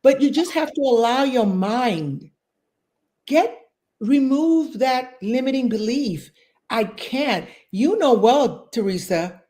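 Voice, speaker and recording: Emphatic woman in her sixties, higher voice. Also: expressive, takes it slowly, warm tone. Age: 60s. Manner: emphatic, repeats phrases for emphasis. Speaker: fitness and nutrition coach. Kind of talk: interview guest.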